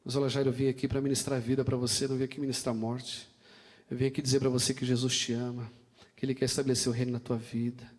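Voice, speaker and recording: Impassioned Brazilian pastor in an echoing church. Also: male voice, mid-range voice, level tone, quick pace, darkish tone. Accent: Brazilian Portuguese. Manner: impassioned preaching, acting out dialogue in stories. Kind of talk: sermon. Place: church sanctuary. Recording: long hall reverb in a church.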